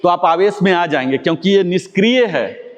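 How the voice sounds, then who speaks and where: Leading a yoga session, this man walks the group through each step and poses rhetorical questions to the class. He speaks fairly quickly in a high voice with lively intonation, and the lo-fi recording carries a long reverb.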